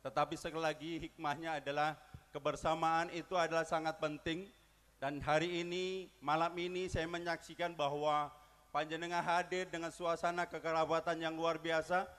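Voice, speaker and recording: A man speaks as a guest speaker at a community gathering. His voice sits a bit high, and his delivery is ceremonious and formal. He leads the crowd in call-and-response chants. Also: flat delivery, moderate pace, fairly bright tone, smooth. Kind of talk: formal public speech.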